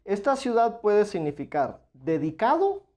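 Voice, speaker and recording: A man's voice: high voice, sing-song, measured pace, dark tone. A man preaching a Bible study sermon, earnestly addressing his listeners as dear brothers and stressing his points with emphatic repetition. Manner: emphatic, repeats "claro de que sí".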